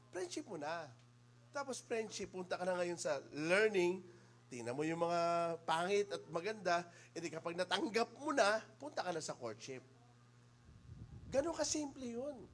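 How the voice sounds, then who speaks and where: A male pastor with a Filipino accent delivers a sermon in a high, lively voice that swings up and down. He jokes with the congregation and calls on people by name. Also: slight background noise. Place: church.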